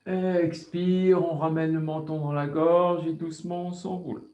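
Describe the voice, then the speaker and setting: A man with a French accent guiding a yoga class over a video call, giving slow, calm breathing cues. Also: on the high side, muffled recording. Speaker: yoga teacher.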